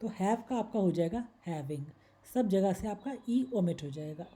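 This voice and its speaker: A woman teacher explains grammar rules patiently, step by step, over slides. Her voice is very bright and tense. She pauses to read each example word. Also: medium pitch, animated. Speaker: English teacher. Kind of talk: slide-based Hindi grammar lesson.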